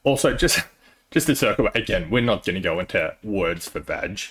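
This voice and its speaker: Young male co-host, laid-back storyteller, slightly low voice. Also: expressive, fairly quick, a bit bright. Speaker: podcast co-host. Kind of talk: casual chat.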